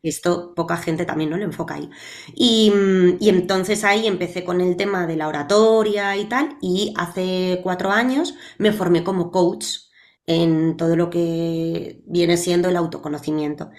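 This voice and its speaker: Mujer invitada de voz algo grave. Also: female voice, lowish voice. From Spain. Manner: lively and quick storytelling, with some restarts. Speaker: guest, actress and speech therapist. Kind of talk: personal storytelling in an interview.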